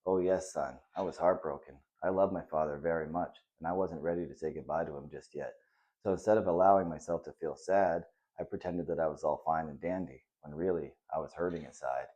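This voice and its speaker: A man reading the part of a kind, patient father who talks softly and reassuringly to his son in a children's story. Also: very deep voice, fairly quick, lo-fi sound. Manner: soft and reassuring.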